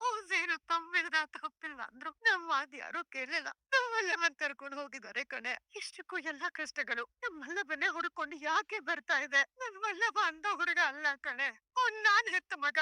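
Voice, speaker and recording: Middle-aged mom wailing and cursing, high bright voice. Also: female voice, fast, few pauses, dry recording, heavily acted. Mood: grieving. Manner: lamenting, cursing. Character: grieving mother of an arrested son.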